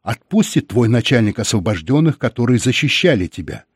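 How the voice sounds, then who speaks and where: A man voicing a calm, thoughtful male explorer who talks mildly in an audiobook. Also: fairly quick, husky, no echo, clean studio sound. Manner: low, thoughtful and mild.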